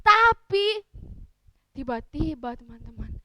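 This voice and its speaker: A woman telling a children's sermon story, animated and acting out the characters' cries. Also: sits high, takes it slowly, no echo, studio quality. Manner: animated, acts out characters' voices, cries out in parts. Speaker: Sunday school teacher.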